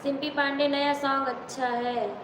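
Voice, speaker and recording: A woman's voice: high-pitched, little pitch movement, normal speed, background noise. A woman with an Awadhi accent, a folk singer hosting a live stream, reading out viewer comments and greeting viewers by name. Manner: reads out viewer comments and greets them by name between songs. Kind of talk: live stream chat with singing. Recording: echoey room with music behind.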